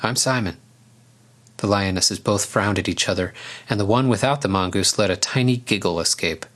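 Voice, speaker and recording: Calm man reading a story, lowish voice. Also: brisk. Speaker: narrator. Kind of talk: storybook narration.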